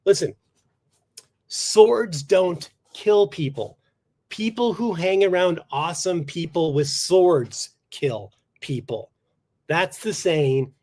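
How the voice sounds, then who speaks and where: Man, podcast host, solo studio rant, sarcastic, deadpan, slightly high voice. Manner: sarcastic, deadpan, swings between mock outrage and mutters.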